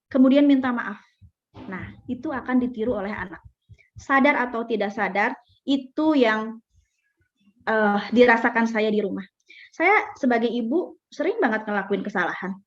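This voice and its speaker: Young woman, slightly high voice; casual parenting talk, chatty with fillers, on a dull lo-fi recording. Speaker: parenting speaker.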